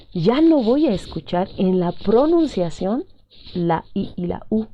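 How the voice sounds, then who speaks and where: A woman teaching a language class with a Peruvian Spanish accent. She explains patiently, repeats her points and keeps checking in with her students. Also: fairly low pitch. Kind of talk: explaining a lesson step by step. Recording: dull lo-fi audio.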